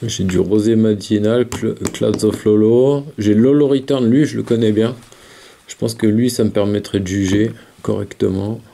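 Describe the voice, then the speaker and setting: A man's voice: fairly low pitch, normal speed, vocal fry, mellow. A man talking casually to camera as a video reviewer, hesitant with many fillers. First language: French. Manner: hesitant, many fillers, talks while vaping. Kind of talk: casual chat.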